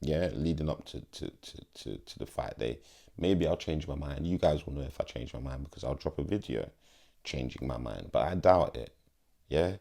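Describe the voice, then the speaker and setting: A man's voice: rumbling low, lively intonation, moderate pace, gravelly, dark tone. A young man giving casual, slangy fight predictions in an emphatic, pleading way. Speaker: MMA vlogger.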